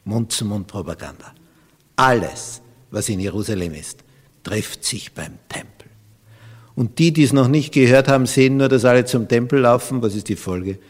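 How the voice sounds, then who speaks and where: A husky-voiced man with an Austrian accent delivers a sermon as a pastor. He swings dramatically between loud, emphatic peaks and hushed, almost whispered drops. His voice rings with the long reverb of a hall. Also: mid-range voice, expressive, moderate pace.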